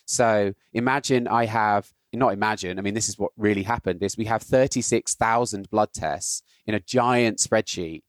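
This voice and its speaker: A man's voice: lowish voice, normal speed, few pauses, no echo. British man explaining health data, dry sound. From Britain. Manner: explanatory, builds points with rhetorical "right?". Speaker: guest, health data scientist. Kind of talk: casual podcast conversation.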